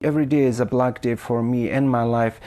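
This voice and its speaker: A man answering in a news interview, halting and repeating his words. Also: medium pitch, fairly even intonation, warm tone. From Afghanistan. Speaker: taxi driver being interviewed.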